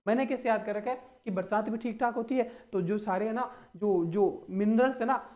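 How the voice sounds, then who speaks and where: Exam-prep teacher: a high-voiced man who rattles off memory tricks and quizzes his students as he goes. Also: moderate pace, a little mellow. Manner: playful, teaches with mnemonic stories and rhetorical questions; addresses students as brother and friends. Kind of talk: energetic exam-prep lesson.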